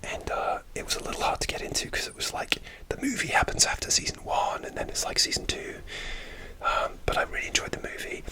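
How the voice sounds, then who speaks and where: Whispering right up against the mic, an ASMR creator meanders through a story, stopping often and leaning on filler words.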